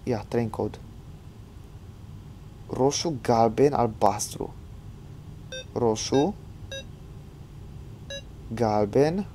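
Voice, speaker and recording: A man streaming a horror game live, chatting with his viewers and yelping and shouting at every scare; he says he is tired from all the screaming. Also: mid-range voice, pauses often, slight background noise. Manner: jumpy, yelps and shouts when scared, talks to chat. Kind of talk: live gameplay commentary.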